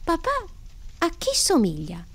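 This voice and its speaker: A woman voicing an eager little girl who exclaims with excitement in a storybook reading. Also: extremely high pitch, measured pace, voice pushed up, full character voice. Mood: excited. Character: excited little girl, one of three sisters.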